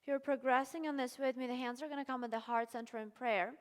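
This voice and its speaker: A woman leading a yoga class, giving calm, encouraging step-by-step cues and sounding slightly out of breath. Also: sits high, quick pace, long reverb tail. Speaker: yoga instructor. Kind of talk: guided yoga class instruction.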